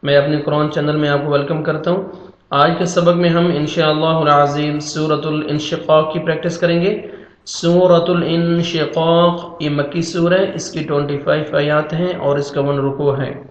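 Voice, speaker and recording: A man teaching Quran recitation, spelling out letters and vowels and chanting verses slowly between quick explanations. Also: on the high side, little pitch movement. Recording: echoey, dull lo-fi room sound.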